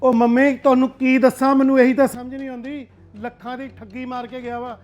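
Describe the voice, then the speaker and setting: A man's voice: very high-pitched, flat delivery, brisk, darkish tone, lo-fi sound, faint music behind. A man playing a furious betrayed son. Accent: Punjabi. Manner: heated, agitated complaining. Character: angry grown son betrayed by his brother. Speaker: actor in a family web drama.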